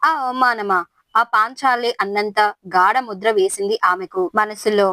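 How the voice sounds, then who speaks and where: Female narrator for an audio serial, even storytelling, mid pitch, dry close mic. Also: unhurried, no echo.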